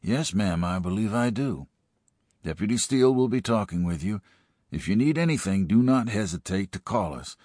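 A man voicing a gruff, weary middle-aged small-town sheriff giving orders. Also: on the low side, animated, moderate pace, a little mellow, dry recording, clean studio sound, voice pushed up. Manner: gruff, commanding.

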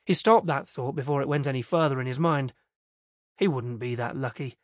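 A man with a mid-range voice narrates an audiobook, telling the story in a steady, measured way. The recording is dry and of studio quality.

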